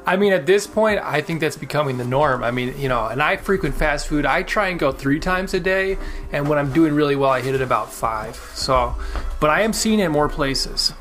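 A man's voice: a little high, expressive, moderate pace, a bit bright, soft background music. A man co-hosting a casual chat who answers with dry, sarcastic quips. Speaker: podcast co-host.

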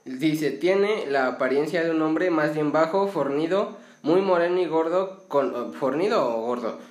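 A man's voice: a little high, lively intonation, a little slow. A Mexican man with a slightly raised voice trades jokes with a co-host, reading out notes and laughing at his own jokes. The room around him is audibly echoey. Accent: Mexican Spanish. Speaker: podcast co-host. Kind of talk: casual chat and reading notes aloud.

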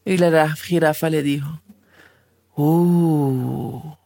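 A woman telling a children's animal story slowly and expressively, repeating words for effect. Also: lowish voice.

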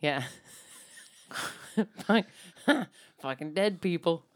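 A woman's voice: lowish voice, lively intonation, drawn-out words. A woman co-hosting a podcast in casual chat, rambling with lots of ums and likes and laughing easily. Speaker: podcast co-host.

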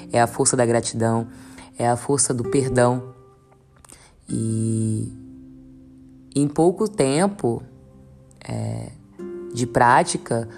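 A woman with a very deep, mellow voice guides listeners through a mantra and prayer practice. She speaks in a calm, earnest tone and repeats phrases slowly, over faint instrumental music. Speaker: spiritual guide. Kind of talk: guided meditation teaching. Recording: soft instrumental music behind.

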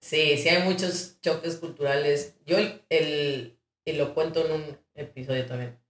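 A young woman from Mexico, hosting a casual chat and telling slangy, animated stories. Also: low-pitched, unhurried, reverberant. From northern Mexico. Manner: slangy, expressive storyteller. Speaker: podcast host.

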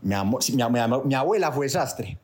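A man's voice: mid-range voice, normal speed. A man with a paisa accent telling a story in a voice note, acting out the quoted lines. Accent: paisa (Antioquia, Colombia). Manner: lively, acts out every quoted line in different voices. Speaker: listener sending a voice note.

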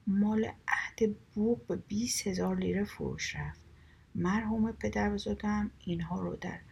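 A woman narrates a comic short story with dry, wry timing and slips some asides into a half-whisper. Her voice is very breathy and husky, with a gravelly fry and a dark, mellow tone. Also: mid-range voice. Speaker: story reader.

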